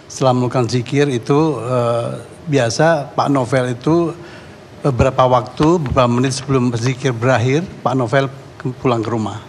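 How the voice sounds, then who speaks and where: A man from Indonesia recounting what he witnessed as a talk show guest, pausing and restarting his words often. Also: medium pitch, a little mellow, in a large hall, slight background noise. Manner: halting, repeats and restarts words. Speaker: neighborhood head and eyewitness guest. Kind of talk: eyewitness account on a talk show.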